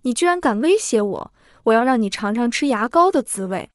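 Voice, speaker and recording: A woman's voice: fairly high pitch, expressive, a little fast, no room sound, studio quality, natural voice. A woman reading the lines of a cruel, jealous young woman in a storybook narration, with a cold, sneering manner.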